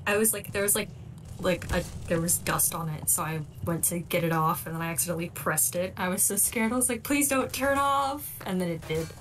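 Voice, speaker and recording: A woman's voice: on the low side, fairly even intonation, fairly quick, a bit bright, a little hiss or hum. A woman co-hosting a game stream, chatting playfully with a giggly, teasing manner. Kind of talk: casual gameplay chat.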